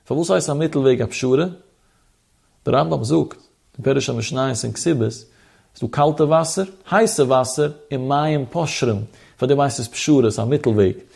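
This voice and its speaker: A man giving a traditional religious text lesson, reading passages aloud and explaining them in a sing-song lilt, with a gravelly voice. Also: medium pitch, a little slow, a little mellow. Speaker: religious teacher.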